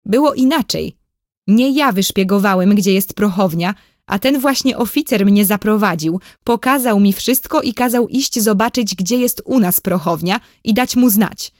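A woman's voice: medium pitch, normal speed, a little mellow, no room sound, clean studio sound, close to an everyday voice. A woman reading a storybook, voicing a brave, defiant young boy soldier who talks back boldly. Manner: bold, insistent.

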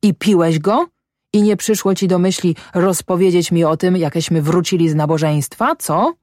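A woman reading aloud, voicing an angry middle-aged male peasant farmer who shouts accusations. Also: lowish voice, moderate pace, dry recording, clean studio sound, lightly acted. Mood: furious.

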